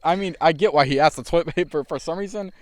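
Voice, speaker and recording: A man's voice: on the high side, fast talker, no room sound. A young man co-hosting a podcast, casually rambling through a story and laughing as he goes. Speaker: podcast co-host. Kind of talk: casual chat.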